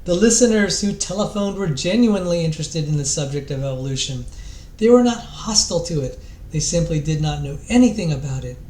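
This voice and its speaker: A man reads a book's introduction aloud in a dramatic, theatrical style, stressing his phrases emphatically. His voice is a little high, mellow and animated, and he moves fairly quickly. The recording sounds echoey and roomy.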